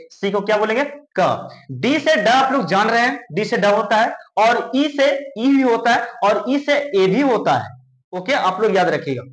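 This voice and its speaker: A man with a very high voice teaches English letter sounds step by step, asking a question and then answering it himself. He says each example word slowly, again and again. The sound has the echo of a bare room. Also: fairly bright tone. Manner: repeats words slowly, asks and answers his own questions. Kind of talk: classroom-style phonics lesson.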